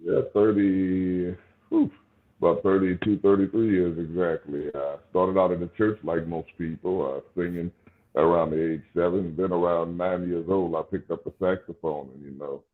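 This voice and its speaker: A man from New Orleans, around forty, talks casually as an interview guest. His voice is low, smooth and velvety. It comes through thin and narrow, as if over a phone line. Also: fairly even intonation, normal speed. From New Orleans, USA. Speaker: guest musician. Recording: thin, phone-like call audio.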